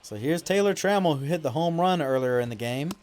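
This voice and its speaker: A man giving casual play-by-play commentary over his video game, mostly relaxed and now and then complaining loudly about calls. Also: on the high side, a little fast. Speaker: gaming YouTuber.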